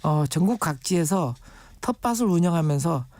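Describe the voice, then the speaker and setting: A man's voice: fairly high pitch, animated, moderate pace, a little mellow, no room sound. A man on a radio show, a guest expert on urban farming, explaining patiently with everyday comparisons. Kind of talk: radio interview.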